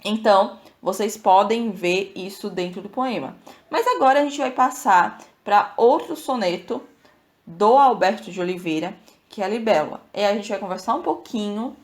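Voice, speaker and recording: A woman's voice: medium pitch, unhurried. A woman from Brazil hosting a podcast lesson, casually explaining verse and counting syllables aloud, often checking in with her listeners. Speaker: podcast host teaching literature.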